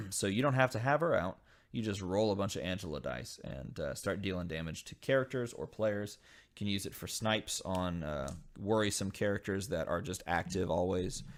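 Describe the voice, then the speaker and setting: A man hosting a casual unboxing video, reading game card text aloud and thinking over each card with frequent pauses. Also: sits low. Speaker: channel host opening dice game packs.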